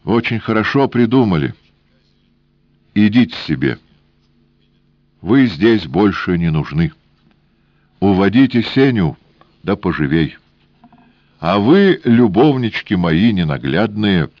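A man's voice: low-pitched, animated, takes it slowly, no echo, dull audio. A man voicing a desperate, defiant young woman who holds a revolver and speaks with fatalistic resolve. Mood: fierce. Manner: fierce and fatalistic.

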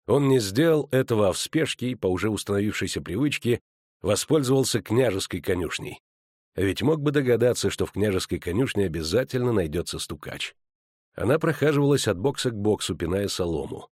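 A man reading audiobook narration in a measured, expressive way. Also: lowish voice, no echo, studio quality. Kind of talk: scripted narration.

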